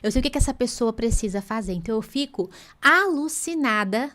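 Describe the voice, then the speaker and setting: A woman English teacher, giving an energetic, playful online lesson and acting out her students' voices. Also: a little high, brisk.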